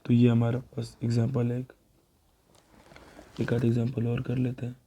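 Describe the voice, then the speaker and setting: A man's voice: medium pitch, monotone, normal speed, warm tone, slightly rough. A man teaching a chemistry revision lesson, talking students through worked examples step by step and correcting himself as he goes. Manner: talks students through worked examples, calls them beta; thinks aloud and corrects himself.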